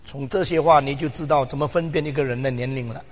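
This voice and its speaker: An older man preaching a sermon, emphatic, swinging from loud exclamations to quiet asides and slipping into English phrases. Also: mid-range voice, fairly even intonation, fast talker. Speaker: pastor. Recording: long hall reverb.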